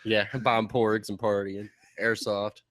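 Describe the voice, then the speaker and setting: Bright, forceful low-pitched man bantering. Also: flat delivery, takes it slowly, a little hiss or hum. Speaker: podcast co-host. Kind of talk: joking casual banter.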